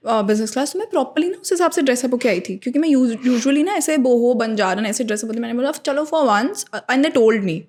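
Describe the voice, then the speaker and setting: Brief: young woman co-host, bright higher voice, lively storyteller who acts out both sides of an argument. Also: a little fast, few pauses. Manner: animated storytelling, acts out quoted exchanges with big pitch jumps; mixes Hindi and English freely. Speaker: podcast co-host. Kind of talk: casual chat.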